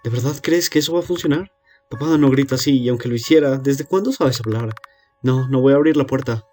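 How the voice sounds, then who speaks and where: A man voicing a lonely young girl left alone to feed monsters in her cellar, reading game dialogue aloud with a hesitant, quiet delivery. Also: medium pitch, a little fast, faint music behind, close to an everyday voice. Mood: defiant.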